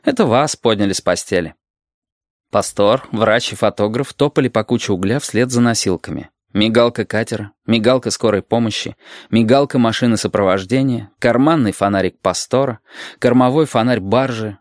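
A man's voice: fairly low pitch, moderate pace, no room sound. Man narrating an audiobook, dry sound.

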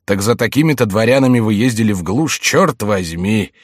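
A man's voice: on the low side, lively intonation, normal speed, no echo, studio quality. A man voicing a bold, mocking young nobleman in a read-aloud classic novel. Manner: mocking, daring.

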